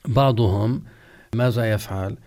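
Speaking on the low side with a darkish tone, a male Islamic scholar teaches jurisprudence in a question-and-answer religious lesson. He lays out rulings slowly and deliberately, drawing out each example word.

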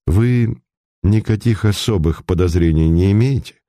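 A man voicing a calm police chief detective with dry humor, asking questions evenly. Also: sits low, moderate pace, no room sound.

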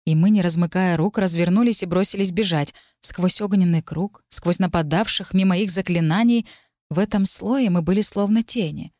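Low-voiced woman narrating a fantasy audiobook. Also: moderate pace, dry recording, clean studio sound. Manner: dramatic, shouting out the characters' cries. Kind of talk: scripted first-person fantasy narration.

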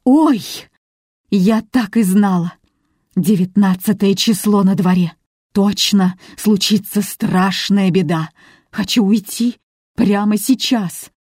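A woman's voice: fairly high pitch, fairly even intonation, a little slow, dark tone, dry recording, studio quality, pitched above the performer's own voice. A woman voicing a superstitious, easily frightened middle-aged female cook who exclaims in alarm, in an audiobook reading. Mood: panicked. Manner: panicky, exclaiming.

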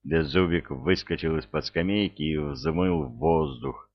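A man reading a storybook aloud with slow, even delivery and a gravelly voice. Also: lowish voice, dull audio. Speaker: audiobook narrator.

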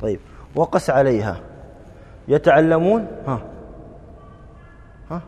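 A man teaching a grammar class, drilling students with quick questions and repeated verb forms. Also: on the high side, animated, darkish tone, big-room sound.

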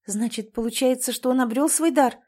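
A woman voicing an emotional young sister, pitched high. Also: a little fast, dark tone. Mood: earnest. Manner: emotional, exclaiming. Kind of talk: audiobook character voice.

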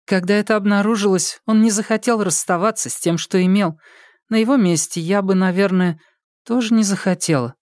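A woman's voice: mid-range voice, brisk, darkish tone, no echo, clean studio sound, close to an everyday voice. A woman voicing a meek young housekeeper who blames herself, read in an audiobook. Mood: pleading. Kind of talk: audiobook character voice.

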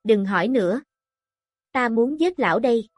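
A woman's voice: on the high side, lively intonation, normal speed, no echo, faint music behind. A woman voicing a young male swordsman, tense and bitter, torn about his father. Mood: anguished. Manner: tense, outbursts of anger.

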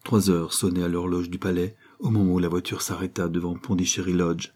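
A man narrating a classic novel as an audiobook, reading in a measured, descriptive way. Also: low-pitched, little pitch movement, warm tone, breathy edge. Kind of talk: scripted literary narration.

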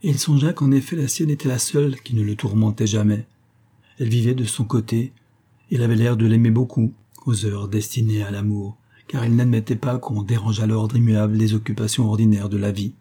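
A man reads a classic novel aloud in a measured, steady storytelling voice. His tone is dark and mellow, with a husky edge. The delivery stays even and unhurried. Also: fairly low pitch. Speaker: audiobook narrator. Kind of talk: literary audiobook narration.

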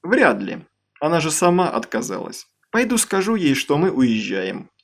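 A man's voice: fairly high pitch, sing-song, moderate pace, gravelly, voice pushed up, full character voice. Male reader as a casual teen boy, sly, grinning, slightly raised voice. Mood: easy.

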